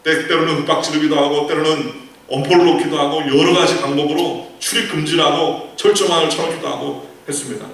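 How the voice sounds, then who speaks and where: A man's voice: a little high, fairly even intonation, brisk, fairly bright tone. A male pastor preaching a sermon, telling a story with rhetorical questions and quoted lines. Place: large church sanctuary. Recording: echoey church hall from far off.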